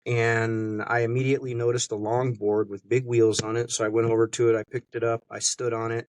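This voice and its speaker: A man from Montana, a podcast guest, retelling his run-ins in a casual, animated way and acting out other people's lines. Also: mid-range voice, a little fast, no room sound. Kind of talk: casual storytelling interview.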